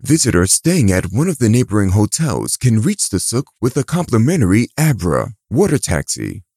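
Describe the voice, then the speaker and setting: Casting: male audio guide narrator, highly animated intonation, soft husky edge, polished and measured. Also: dry recording, studio quality.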